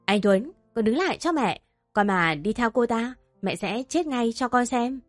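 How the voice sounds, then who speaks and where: A woman's voice: mid-range voice, sing-song, normal speed, no room sound, faint music behind. A woman voicing a furious, scheming rich middle-aged mother who screams insults at those around her. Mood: shrill.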